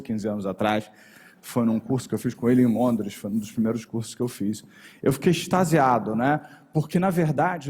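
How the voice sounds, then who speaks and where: A man's voice: mid-range voice, breathy edge. Brazilian man lecturing on a stage. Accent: Brazilian Portuguese. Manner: animated, shifts intonation to address the audience directly. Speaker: NLP and hypnosis trainer. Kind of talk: live workshop lecture. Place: stage before a live audience. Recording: long hall reverb on a stage voice.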